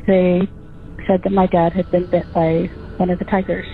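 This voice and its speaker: A woman's voice: lowish voice, level tone, normal speed, over music. A middle-aged or older woman recalling personal events conversationally, as an interviewee. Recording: muffled lo-fi interview audio.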